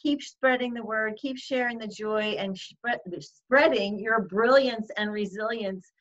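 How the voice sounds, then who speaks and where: A woman's voice: fairly high pitch, a little slow. A woman co-hosting a casual online show, effusive and bubbly, laughing often. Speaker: co-host. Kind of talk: casual chat. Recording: slightly dull lo-fi sound.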